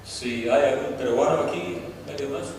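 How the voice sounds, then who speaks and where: As a visiting preacher, an older man from Australia, whose native language is English, shares his testimony in a second language in a darkish, mid-range voice. He speaks carefully, hunts for words, and stops for his interpreter. The noisy recording comes from a distant mic in a reverberant hall.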